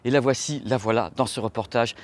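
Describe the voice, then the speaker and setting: A man's voice: medium pitch, brisk. A man hosting a vlog on a factory tour, talking with joking enthusiasm and exclamations as he walks around. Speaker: video host. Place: walking indoors and outdoors at a factory.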